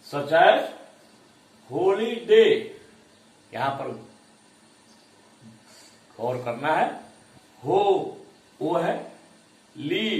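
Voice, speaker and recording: A male college lecturer with an Indian accent, explaining English syllables slowly, repeating and spelling them out. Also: fairly high pitch. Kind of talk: classroom lecture on English pronunciation. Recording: echoey classroom, mic far off.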